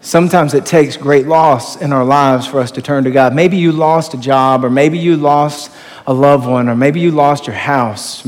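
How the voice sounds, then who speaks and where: A man preaching a sermon as pastor, telling stories in a conversational, animated way to his congregation. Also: on the high side. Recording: long hall reverb.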